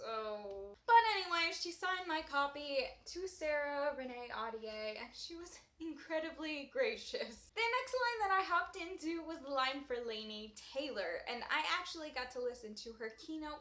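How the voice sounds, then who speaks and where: A young woman chatting excitedly in a casual book vlog, gushing and enthusiastic. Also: high voice. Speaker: book vlogger. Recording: echoey room sound.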